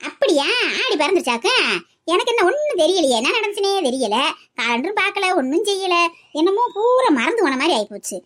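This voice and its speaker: A dazed old mother-in-law, put on by a woman, grumbles and snipes in a lowered but still high voice. She talks quickly and sarcastically. It is a comic family skit. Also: very animated. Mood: grumbling. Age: older.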